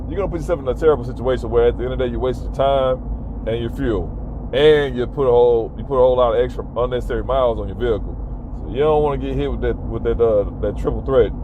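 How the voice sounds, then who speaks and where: A man vlogging casual advice to fellow delivery shoppers, talking emphatically and repeating himself to drive his points home. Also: medium pitch. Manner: emphatic, repetitive, advising viewers directly. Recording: tinny phone-like audio with faint car noise.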